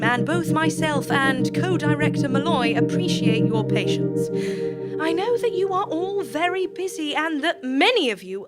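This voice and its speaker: Her voice sits high as she portrays the director of an ominous research facility in an audio drama. Formal and composed, she delivers measured, officious speeches to the staff.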